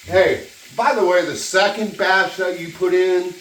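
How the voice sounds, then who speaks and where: Recorded on a distant mic in a spacious, echoing kitchen, a medium-pitched cooking host giggles and rambles tipsily at a leisurely pace, laughing often, exclaiming and swearing freely as she demonstrates a dish to camera. Loud frying sizzle and the sound of stirring fill the background.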